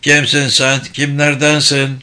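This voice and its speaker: A blind old village father, gruff and foul-mouthed, who bellows his words loud and slow, as a male reader plays him. His bright, hard-edged voice booms over the narration. He is a storybook character with a rough country temper. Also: completely flat delivery. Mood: gruff questioning. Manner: bellowing, cursing, then chuckling. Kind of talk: storybook reading.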